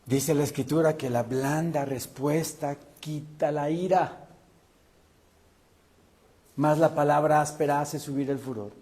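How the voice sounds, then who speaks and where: Slow-preaching man, slightly high voice. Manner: animated preaching, acting out quoted voices. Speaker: pastor. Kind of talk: sermon.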